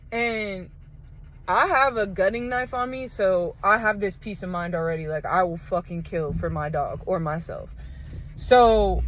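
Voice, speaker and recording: A woman telling a rambling, profane comic story about her morning walk, with deadpan asides. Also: mid-range voice, slight background noise, low-quality recording. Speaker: vlogger. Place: outdoors in a wooded park.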